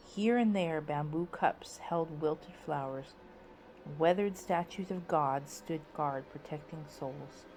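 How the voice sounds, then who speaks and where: A woman narrating a scripted story dramatically, in a playful spooky manner that moves between hushed suspense and sudden swells. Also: deep voice, slight background noise, low-quality recording.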